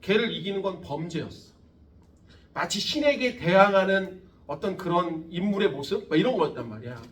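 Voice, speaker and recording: A man's voice: high-pitched, normal speed, recorded from a distance. A man in his thirties teaching a physics class, joking, swearing casually, and chatting with his students. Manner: profane, joking, animated. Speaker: physics tutor. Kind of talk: classroom lecture. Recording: echoey classroom, off-mic.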